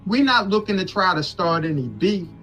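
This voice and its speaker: In a leaked phone call with music underneath, a man argues insistently, lecturing as he explains his position. His high, fairly bright voice has big pitch swings, and he talks at normal speed.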